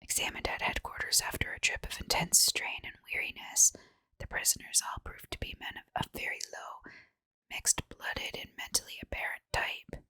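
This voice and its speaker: A woman narrates a horror tale in a soft ASMR whisper with no voiced tone. The sound is very crisp and sibilant, close to the mic in a dry space. Her phrasing is hushed and deliberate. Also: no room sound. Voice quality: breathy, unvoiced whisper. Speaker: ASMR story reader.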